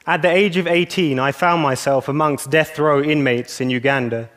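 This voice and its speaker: Casting: young man from England, slightly high voice, measured and earnest speaker. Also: a bit bright. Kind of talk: scripted talk.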